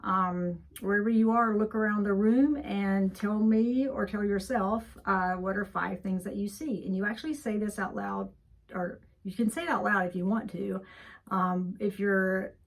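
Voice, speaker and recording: Creaky-voiced woman leading a calm grounding exercise. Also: medium pitch, moderate pace, low-quality recording. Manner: conversational, unscripted, filler-heavy. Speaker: therapist teaching a mindfulness exercise. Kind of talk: calm guided grounding exercise, informal instruction. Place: office, indoors.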